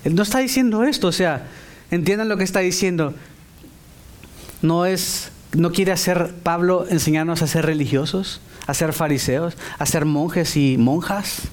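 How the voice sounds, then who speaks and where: Animated male preacher. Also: sits high. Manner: animated, acts out quoted voices. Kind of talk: sermon.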